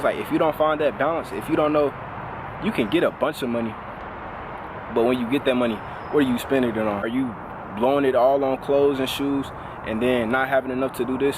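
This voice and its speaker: A man of twenty talking casually and reflectively as a vlogger, relaxed and full of fillers. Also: mid-range voice, noisy background. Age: 20s. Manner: relaxed, conversational, lots of "like" fillers.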